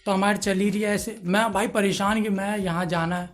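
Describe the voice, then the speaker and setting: A man's voice: high voice, fairly even intonation, brisk, music in the background. A man telling a stand-up comedy story in a chatty way, talking straight to the audience. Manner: chatty, addresses audience directly.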